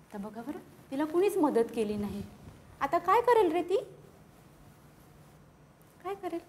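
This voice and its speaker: Brief: high-voiced, lively woman teacher reading aloud, echoey classroom. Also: measured pace, slight background noise. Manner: animated, keeps questioning the children. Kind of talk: reading a picture book aloud to children.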